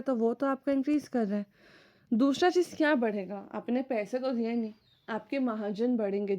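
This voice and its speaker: A woman teaching an online accounting class, her voice sitting a little on the high side. She walks through each point step by step and keeps checking with her students whether it is clear, slipping English terms into her explanations. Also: darkish tone. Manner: mixes English terms into Hindi speech. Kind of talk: recorded online lecture.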